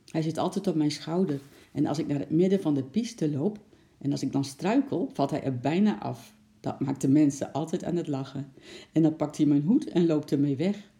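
A storybook reader voicing a sad, kindly male circus clown who talks earnestly, with a gravelly voice. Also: medium pitch, moderate pace, warm tone, close to an everyday voice.

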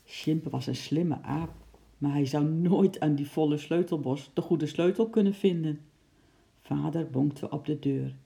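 A narrator reading a children's book aloud in a calm, measured way. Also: mid-range voice, vocal fry.

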